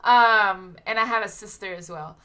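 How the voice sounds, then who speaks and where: A woman's voice: medium pitch, normal speed, sharp tone. A woman playing a tabletop role-playing game, describing her character in casual, rambling talk full of fillers and giggles.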